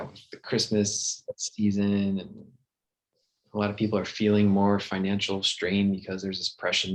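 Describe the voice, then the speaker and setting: A man hosting a group video call and guiding a gentle love practice in a calm, unhurried way. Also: deep voice. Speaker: host and meditation guide. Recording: dull lo-fi video call audio.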